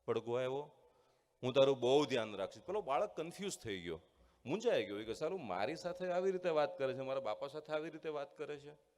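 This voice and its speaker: A man who is a former student giving a motivational speech with a story to schoolchildren, earnest, acting out voices and slowing down for key points. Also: fairly high pitch, lively intonation, darkish tone. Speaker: guest speaker, former student addressing schoolchildren. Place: large hall at a school event. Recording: long hall reverb.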